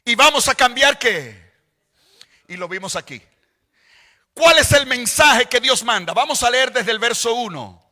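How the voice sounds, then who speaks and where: A male pastor preaching a sermon, slow and deliberate, repeating phrases and rising to shouts on quoted scripture. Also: very high-pitched, expressive, big-room sound. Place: large church hall.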